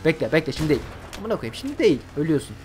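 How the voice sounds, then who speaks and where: A young man commentating a video game in casual chat, excitable, swearing often and bursting into shouts. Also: fairly high pitch, rapid-fire, slightly rough. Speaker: gameplay commentator.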